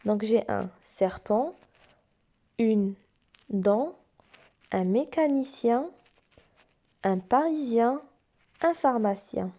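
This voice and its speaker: A woman's voice: a little high, animated, very slow, pauses often, mellow, lo-fi sound. A woman teacher walking young children through phonics exercises, patiently spelling out letters and sounds. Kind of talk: phonics lesson explaining workbook exercises.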